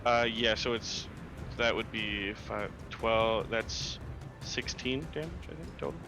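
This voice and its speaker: A man's voice: lowish voice, slow pace, over music. A man playing a tabletop role-playing game, chatting casually and describing his character's moves.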